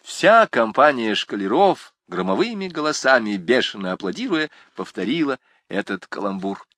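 A man reading a classic novel aloud with lively, dramatic narration. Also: medium pitch, normal speed, no echo. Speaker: audiobook reader. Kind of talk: expressive literary narration.

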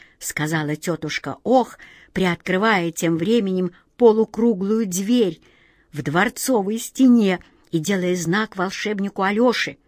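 A woman narrating a fairy tale in a calm, expressive storytelling manner. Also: mid-range voice, no echo, clean studio sound. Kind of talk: storybook reading.

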